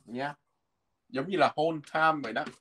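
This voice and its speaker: A man teaching a language lesson from a textbook, patiently repeating words slowly so learners can follow. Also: fairly high pitch, fairly bright tone, a little hiss or hum.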